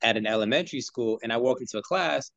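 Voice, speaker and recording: A man hosting an interview in a relaxed, conversational way, affirming his guest and often saying "you know". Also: medium pitch, fast talker, vocal fry, no echo, muffled recording. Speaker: interview host. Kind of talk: casual interview talk.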